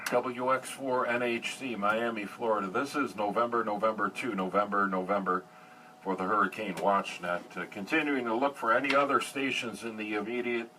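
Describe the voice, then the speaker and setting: Male radio net controller, bright tone, off-mic with faint noise, polite, halting, phonetic spelling over two-way radio. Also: fairly low pitch, steady tone. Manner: hesitant, polite, spelling out call signs phonetically. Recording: distant, faintly noisy radio audio.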